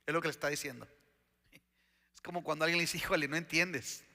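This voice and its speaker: A man preaching a sermon as pastor, slow and deliberate, with emphatic questions. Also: a little high, vocal fry, sharp tone, big-room sound.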